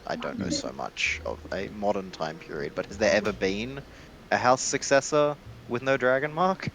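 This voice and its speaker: A man plays a tabletop game and asks curious, thoughtful questions. His voice is low, and its pitch moves in a lively way. Faint noise runs underneath. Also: normal speed, poor audio. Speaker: player. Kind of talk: casual tabletop game chat.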